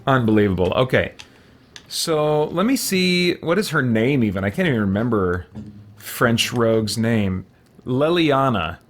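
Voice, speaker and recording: With a mid-range voice full of big pitch swings, a gaming video host talks unhurriedly through a casual let's-play. He thinks aloud, muttering hesitantly and exclaiming mild oaths along the way.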